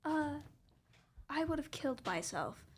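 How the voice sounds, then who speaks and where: A woman playing in a tabletop role-playing game, speaking in a hesitant, halting way. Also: high-pitched, big pitch swings, slight background noise. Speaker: player. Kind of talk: casual tabletop game chat.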